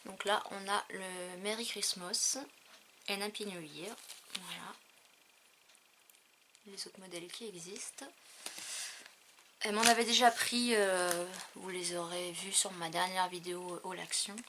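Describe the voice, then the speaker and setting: A woman's voice: fairly low pitch, steady tone, unhurried, long pauses, background noise. A woman chatting casually about her craft purchases, hesitant and full of fillers. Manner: hesitant, many fillers, trailing off. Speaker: craft haul vlogger. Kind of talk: casual chat showing purchases.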